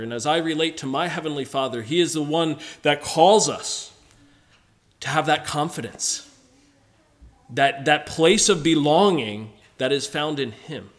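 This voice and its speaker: A man preaching a sermon in an earnest, halting way, often restarting his phrases. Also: on the high side, fairly bright tone. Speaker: visiting preacher.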